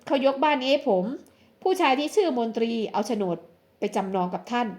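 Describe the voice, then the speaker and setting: A calm, blunt young man, acted by a female narrator who lowers her voice, answering with flat, matter-of-fact retorts. His voice still sits fairly high for a man. He comes across as mildly irritated but unruffled in this narrated storybook drama. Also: fairly quick.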